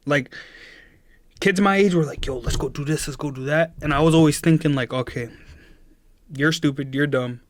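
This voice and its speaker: A man's voice: a little high, normal speed, long pauses, slight background noise. A twenty-year-old man chatting casually on a live stream, giving his chat an earnest, preachy pep talk.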